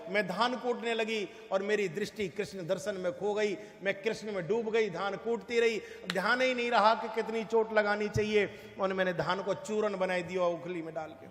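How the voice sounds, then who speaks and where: A man's voice: high-pitched, a bit bright. A man giving a devotional storytelling sermon, acting out the characters' dialogue in his own voice. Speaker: preacher. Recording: echoey hall.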